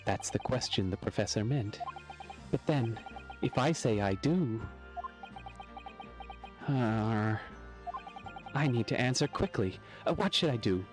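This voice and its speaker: Guy voicing a nervous snotty young lawyer, stammery, wide swings in pitch, game music behind. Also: animated, slow, pauses often. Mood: anxious. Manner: flustered, stammering.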